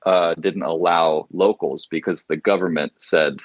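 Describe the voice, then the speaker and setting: Low, steady and a little slow, this man's voice comes without echo. He is a musician in his forties, raised in Indonesia, who spins long interview anecdotes with plenty of fillers and false starts.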